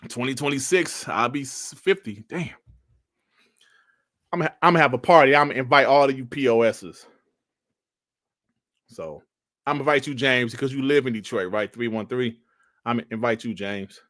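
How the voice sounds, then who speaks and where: A man in his forties chatting casually on a livestream, reading out chat messages and bantering with loud laughs and slang. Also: mid-range voice, moderate pace, pauses often, dry recording, clean studio sound. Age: 40s. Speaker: streamer reading live chat.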